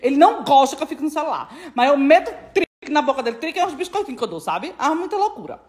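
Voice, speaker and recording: A woman's voice: high-pitched, big pitch swings, fast, darkish tone. A middle-aged woman, chatting affectionately to her followers in a casual phone vlog, repeating herself and laughing. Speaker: social media influencer.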